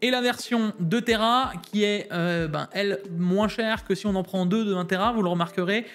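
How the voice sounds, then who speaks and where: A man's voice: sits high, normal speed, a bit bright, faint music behind. A man from Alsace giving a casual, slangy rundown of tech deals to his viewers, laughing often. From Alsace, France.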